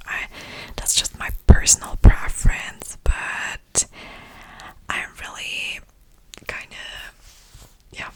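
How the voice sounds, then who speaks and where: A woman whispering a casual, meandering ASMR ramble in a crisp, breathy voice, very close to the microphone. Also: a bit bright, poor audio. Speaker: ASMR creator. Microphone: close-up ear-to-ear stereo microphone.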